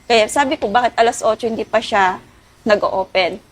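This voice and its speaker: A woman's voice: a little high, normal speed. A woman being interviewed, politely recounting a painful story while close to tears. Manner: polite, addresses interviewer as ma'am. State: emotional, near tears. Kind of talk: tearful personal account.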